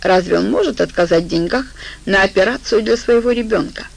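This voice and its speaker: A woman's voice: mid-range voice, fairly quick, creaky, rough recording. A woman voicing a cunning, manipulative woman who talks in a soothing, persuasive way. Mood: coaxing.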